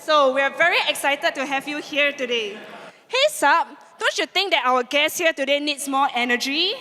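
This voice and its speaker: A woman's voice: high-pitched, normal speed, pushed and bright. A woman co-hosting an event on stage, peppy and leading the crowd. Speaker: event co-host. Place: event hall. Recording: long hall reverb.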